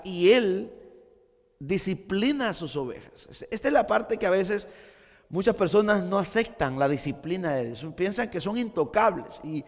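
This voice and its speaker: A man's voice: high-pitched, big-room sound. A man, a pastor, preaching a fervent sermon and often repeating words for emphasis.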